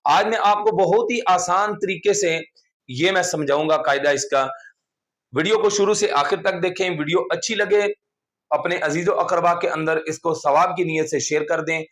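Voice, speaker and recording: Man teaching quran recitation, patient and repetitive, fairly high voice. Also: normal speed, fairly bright tone. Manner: patient, repetitive explaining with frequent "theek hai". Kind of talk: explanatory online lesson.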